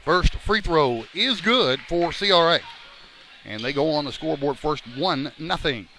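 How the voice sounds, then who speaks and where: A man's voice: fairly high pitch, expressive, measured pace, pushed and bright. A man calling a basketball game live from courtside, a little out of breath. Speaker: play-by-play sports commentator. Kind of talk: live basketball radio-style commentary. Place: courtside in a school gym during a game. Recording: clear gym noise, bouncing ball behind. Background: basketball bouncing and game noise.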